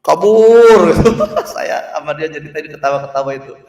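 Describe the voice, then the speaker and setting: A man preaching, telling a moral story with lively jokes and often addressing the listeners directly. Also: fairly high pitch, moderate pace. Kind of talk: Islamic sermon storytelling. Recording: roomy, distant mic.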